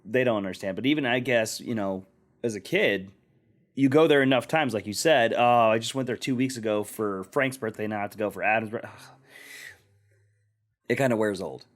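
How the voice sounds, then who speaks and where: A man co-hosting a podcast, rambling through anecdotes with a relaxed, casual manner. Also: lowish voice, moderate pace. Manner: rambling storyteller, many restarts. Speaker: podcast co-host.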